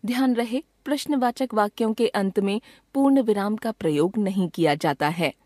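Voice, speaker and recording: A woman reading a grammar lesson as scripted textbook narration, measured and slow on each example sentence. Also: mid-range voice, warm tone, dry recording, clean studio sound. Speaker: grammar teacher.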